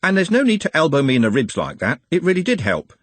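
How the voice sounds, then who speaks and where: A man's voice: on the high side, wildly swooping pitch, fast talker, no room sound, pitched above the performer's own voice. A man voicing a cheerful, robust young man who talks eagerly and breezily.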